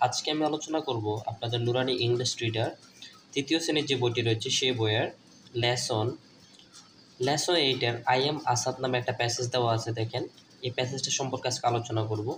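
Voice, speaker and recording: Man, from Bangladesh, online teacher, spells letter by letter, mid pitch, echoey room. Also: fairly even intonation, fast talker, a bit bright, a little hiss or hum. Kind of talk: online English lesson, spelling words aloud.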